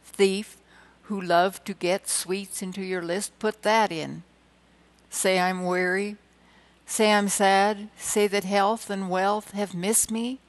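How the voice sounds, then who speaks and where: A woman's voice: mid-range voice, rough recording. Woman reciting poems dramatically. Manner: dramatic reciting, slows and swells on key lines; hesitant fillers between poems. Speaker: poetry reader. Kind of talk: reading poems aloud with personal asides.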